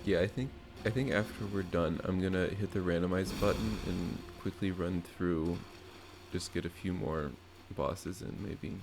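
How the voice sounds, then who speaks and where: A man's voice: deep voice, normal speed, background noise. A man who works as a video editor, chatting casually about a game and laughing often. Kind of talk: casual gaming chat.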